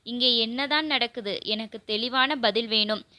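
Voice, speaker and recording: A calm, fair-minded older man, as a woman reader puts him on in an audio novel. He asks his questions in a measured way. The voice is bright, a little high, and dry. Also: dry recording.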